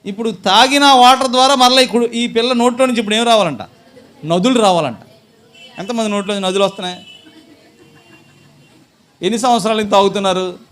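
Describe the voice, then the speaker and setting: A pastor delivers a sermon to his congregation in a strikingly high voice. He leads it with questions he answers himself. He acts out small scenes with a listener to make his point. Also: a little fast, long pauses, fairly bright tone. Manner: fires rhetorical questions at the congregation and answers them. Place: church service.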